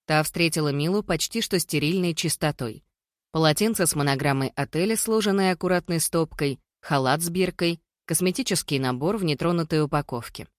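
An audiobook narrator reading a novel in an even, measured way. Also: mid-range voice, no room sound, studio quality. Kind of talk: scripted narration.

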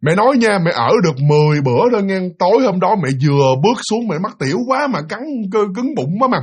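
A man telling a ghost story casually, animated and talking to his listeners, repeating words for effect. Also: sits high, fast talker, husky.

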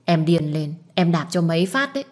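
A woman's voice: fairly low pitch, expressive. A woman voicing a nosy, blunt young woman who pesters and scolds in an audiobook. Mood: indignant. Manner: pushy, quick to scold. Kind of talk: audiobook dialogue.

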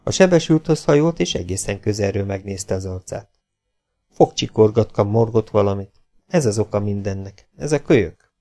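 A man narrating an adventure novel as an audiobook in a steady, even storytelling manner. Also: fairly low pitch.

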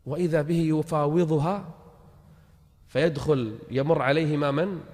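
Dramatic high-voiced preacher in an echoing hall. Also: male voice, steady tone, moderate pace. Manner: dramatic, swings between hushed and shouted. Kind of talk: storytelling sermon. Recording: long hall reverb.

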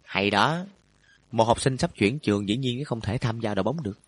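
A man voicing an excitable teenage schoolboy who exclaims and groans. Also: on the low side, normal speed, breathy edge, dry recording.

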